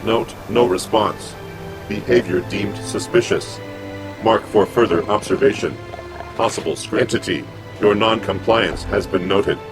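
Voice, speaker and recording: An actor voicing an officious, suspicious machine sentry in a video game, clipped, formal and deadpan. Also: male voice, fairly low pitch, measured pace, gravelly, music in the background. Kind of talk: video game character dialogue.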